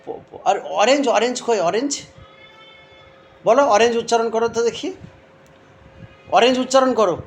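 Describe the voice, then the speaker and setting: A woman playing with her toddler at home, asking simple questions again and again and gently scolding with tutting sounds. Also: on the high side, normal speed, pauses often, faint music behind. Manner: repeats simple questions over and over. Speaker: parent filming her toddler. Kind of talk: playful coaxing talk to a toddler.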